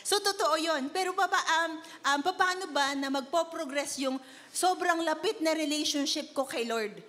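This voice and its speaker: A woman's voice: high voice, normal speed, fairly bright tone. A young woman from the Philippines giving a chatty youth sermon, asking rhetorical questions and mixing Filipino with English. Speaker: youth worship speaker. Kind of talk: conversational sermon. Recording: long hall reverb.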